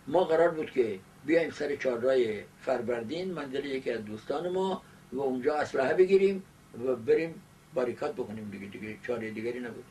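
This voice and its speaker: Older man, 70s, halting reminiscence, off-mic camcorder sound with faint noise. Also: mid-range voice, a little mellow. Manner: halting, with long hesitations. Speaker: interviewee giving oral history. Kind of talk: recollective personal narration. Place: small book-lined study indoors. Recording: distant mic, noisy amateur camcorder sound.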